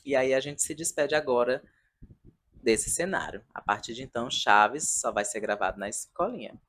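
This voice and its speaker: Lively, chatty man in his thirties. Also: medium pitch, normal speed, a little hiss or hum. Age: 30s. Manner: chatty, animated, sentimental. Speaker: video reviewer of a comedy show. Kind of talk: casual review vlog. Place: home room in front of a decorated wall.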